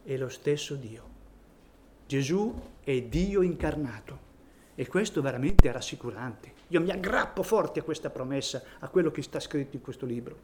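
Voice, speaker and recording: A man's voice: a little high, animated, moderate pace, darkish tone, slight background noise. A man preaching a sermon in a church, reading scripture and rising to emphatic peaks on key phrases.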